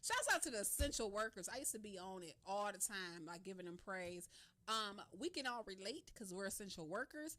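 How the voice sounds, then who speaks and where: A woman hosting a radio show, talking casually with lots of slang, laughter and swearing. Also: on the high side. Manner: animated, slangy, laughs often, swears freely. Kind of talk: casual talk radio monologue.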